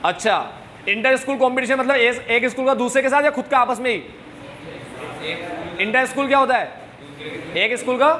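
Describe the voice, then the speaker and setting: A man's voice: very high voice, background noise. A man teaching a commerce class to students, joking and scolding them now and then, with English terms mixed into his talk. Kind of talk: classroom lecture.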